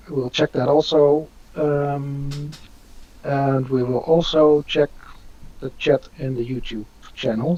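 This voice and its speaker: A man's voice: medium pitch, a little mellow. A man, hosting a live Q&A on a video call, talking hesitantly with many fillers. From Netherlands. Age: 50s. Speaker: host. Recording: dull lo-fi audio.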